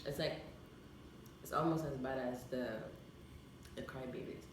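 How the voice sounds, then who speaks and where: Low-voiced woman eating sour candy, echoey. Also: fairly even intonation, a little slow. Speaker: vlog host. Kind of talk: casual chat to camera. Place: echoey room. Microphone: distant from the speaker. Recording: echoey room, distant mic, clear noise.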